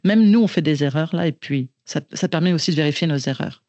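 A woman's voice: low voice, brisk, warm tone, no echo, lo-fi sound. A woman with a Québécois French accent talks shop as a teacher in a loose, conversational way. She circles back and restarts her sentences as she thinks, and her voice sits dry and close to the mic with no room sound. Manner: thinking aloud with frequent restarts and fillers. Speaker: teacher and guest. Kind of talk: casual podcast conversation.

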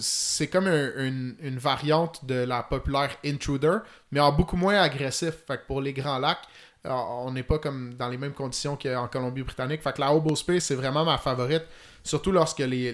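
A man's voice: mid-range voice, steady tone, normal speed. A man with a Quebec French accent explaining fly-fishing gear in casual chat, in detail and with many fillers. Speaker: fly-fishing guest expert.

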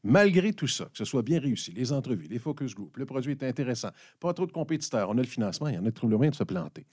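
Lively, quick Quebec man hosting. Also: mid-range voice, no echo, clean studio sound. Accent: Quebec French. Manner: lively questioning, interjects often. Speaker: host, interviewer. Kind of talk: interview questions.

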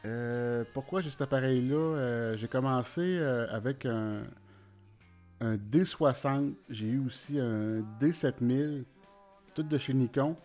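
A man with a Quebec French accent talks casually as a podcast host, freshly recovering from wisdom teeth removal. He pauses often to find his words, at an average pitch, over guitar music. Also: darkish tone. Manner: hesitant, informal, pausing often to search for words. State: talking while recovering from wisdom teeth surgery. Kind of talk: casual solo podcast talk.

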